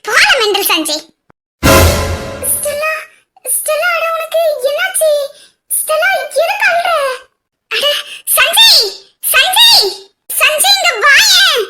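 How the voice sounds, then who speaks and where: A woman's voice: very high voice, very animated, unhurried, pauses often, bright, forceful tone, soft background music, exaggerated voice. A woman voicing Karthi, an affectionate, emotional young wife in a cartoon, who pleads and teases and often sounds close to tears. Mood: worried. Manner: pleading and teasing, often tearful. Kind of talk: cartoon voice acting.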